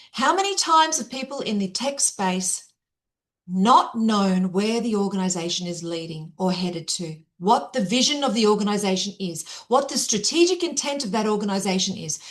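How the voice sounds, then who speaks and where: A woman, middle-aged, giving a chatty, upbeat keynote over a video call and talking straight to her audience. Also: medium pitch. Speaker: keynote speaker. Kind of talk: interactive online workshop presentation.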